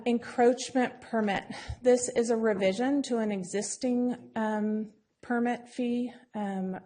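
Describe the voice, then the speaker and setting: A woman on city staff giving a formal presentation to a council, explaining in a measured way with frequent ums. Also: medium pitch, mellow.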